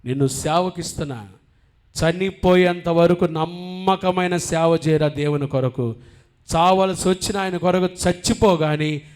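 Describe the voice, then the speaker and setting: A man preaching as a pastor, asking his congregation questions and moving between quiet talk and loud preaching. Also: sits high, fairly even intonation, measured pace. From India. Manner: swings from quiet, conversational asides to loud, impassioned preaching; asks the congregation questions directly. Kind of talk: sermon. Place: church.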